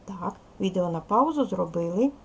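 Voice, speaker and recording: A woman's voice: lowish voice, expressive, normal speed, creaky, husky. A woman teaching a recorded lesson to young schoolchildren, patient and step by step, counting aloud and speaking to them as little ones. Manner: addresses pupils as little children. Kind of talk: recorded video lesson for second graders.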